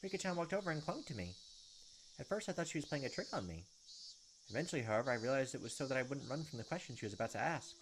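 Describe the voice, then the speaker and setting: Talking very fast and animatedly, a man in a webcam let's play reads visual novel narration at his desk and keeps interjecting with blunt, informal comments. His voice is mid-range, and the background is noisy with game music and insect sounds.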